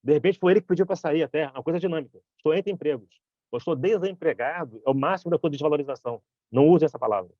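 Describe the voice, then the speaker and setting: Lively Brazilian man giving a talk. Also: on the high side, racing, dry recording, muffled recording. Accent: Brazilian Portuguese. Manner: lively, acts out example dialogues. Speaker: speaker at a conference. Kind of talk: motivational public talk. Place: conference hall.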